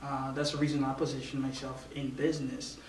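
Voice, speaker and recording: A man's voice: medium pitch, flat delivery, a little fast. Male interview guest, raised in Africa, hesitant, far from mic in an echoey room. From born in Romania, raised in Africa. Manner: hesitant, repeats words while thinking. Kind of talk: casual interview chat. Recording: roomy, distant mic, faint noise.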